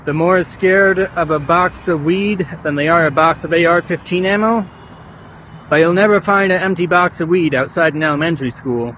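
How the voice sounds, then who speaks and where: A man hosting a comedy short, delivering dark one-liners in a dry, deadpan way. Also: on the high side, slight background noise. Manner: dry one-liners, rapid topic jumps.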